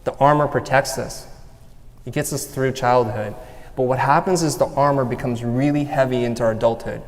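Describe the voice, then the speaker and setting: A man's voice: medium pitch, normal speed. A man giving a motivational talk on stage, earnest and personal as he walks the audience through an exercise. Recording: long hall reverb.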